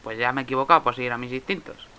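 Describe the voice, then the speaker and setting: A man's voice: medium pitch, rapid-fire, bright, forceful tone, clear, resonant tone, rough recording. A young man from Spain with a Spain Spanish accent, casually commenting on his own Minecraft game, muttering and swearing at lag. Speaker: Minecraft let's player.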